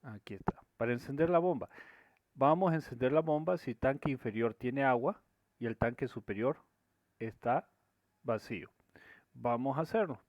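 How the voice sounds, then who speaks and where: A man's voice: medium pitch, moderate pace, no echo. A man teaching a screen-recorded programming lesson, explaining each step and often checking that students follow. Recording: dry, dull lo-fi recording.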